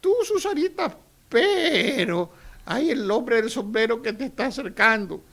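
A man voicing a flattering magic mirror. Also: very high voice, measured pace, creaky, voice pushed up, heavily acted. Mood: sing-song.

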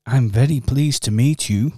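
A man's voice: medium pitch, normal speed, dark tone, no echo, clean studio sound, natural voice. A man voicing a polite, earnest male teddy bear in an amateur radio pantomime, talking in a slightly bewildered way.

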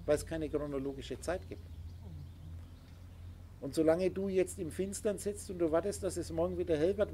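A slightly high, warm-toned man speaks as the spiritual teacher of a small group, lecturing emphatically and insistently. He uses sound effects, and faint noise is present in the background.

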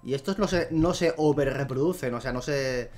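A young man from giving casual gameplay commentary, chatting to the animals on screen and to his viewers and getting excited easily. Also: medium pitch, normal speed. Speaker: gameplay video host.

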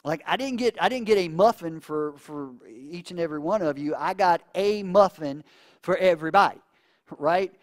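A man's voice: fairly high pitch, normal speed. A man pastor preaching a casual sermon, retelling a story and acting out the quotes in slangy everyday voices. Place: church.

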